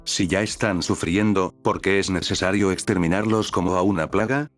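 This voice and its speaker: A man's voice: low voice, normal speed, soft background music, natural voice. A man voicing a steadfast, protective fatherly man who speaks firmly and with passion. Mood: impassioned. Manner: firm, impassioned, resolute.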